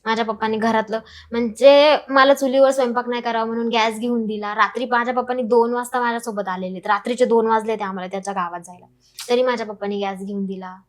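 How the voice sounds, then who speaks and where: A woman's voice: a little high, steady tone. A young woman tells her life story as an interview guest, acting out the voices of her family. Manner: fast, emotional, acts out quoted family members. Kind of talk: emotional personal storytelling.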